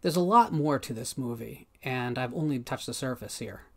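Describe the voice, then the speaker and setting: A man in his thirties talks straight to camera from a small room at home, reading his own critical take on a film. His pace is measured and deliberate, with dramatic pauses between points, and his voice sits at an average pitch for a man. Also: a little mellow. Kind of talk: scripted film analysis to camera.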